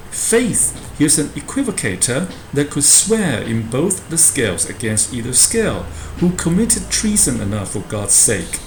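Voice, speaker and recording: A man's voice: mid-range voice, pitched above the performer's own voice. A man reading aloud the part of a grumbling castle porter in a stage play, declaiming and calling out to imagined visitors. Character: grumbling castle porter playing gatekeeper of hell. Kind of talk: dramatic read-aloud of a Shakespeare play. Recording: roomy echo with clear background noise.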